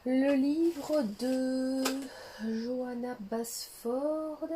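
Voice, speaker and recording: A woman hosting a casual coloring tutorial livestream, chatty and hesitant with many fillers and soft asides. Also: sits high, fairly even intonation, extremely slow, noisy background.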